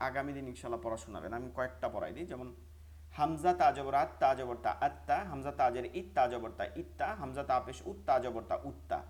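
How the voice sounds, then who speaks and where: A man leads an online recitation class, drilling syllables again and again with patient repetition. His voice comes over a video call, plain and mid-pitched. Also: expressive, fairly quick, a little mellow. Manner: patient, drills spelling aloud. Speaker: Quran recitation teacher.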